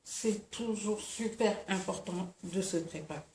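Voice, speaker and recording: A woman from Senegal talks her viewers through her morning in a relaxed, chatty vlog. The room around her gives the voice a clear echo, with a faint hiss underneath. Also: medium pitch, measured pace. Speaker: lifestyle vlogger. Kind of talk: casual vlog chat. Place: room at home. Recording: echoey room, faint noise.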